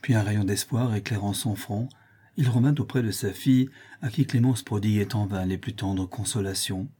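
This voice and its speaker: A man giving measured, literary narration of a classic novel as an audiobook. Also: lowish voice, mellow, breathy edge.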